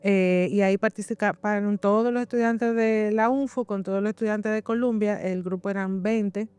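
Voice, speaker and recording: A woman's voice: medium pitch, fairly even intonation, moderate pace, darkish tone, clear, resonant tone, no room sound. A woman instructor, talking conversationally and often searching for words as she explains academic work. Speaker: university instructor.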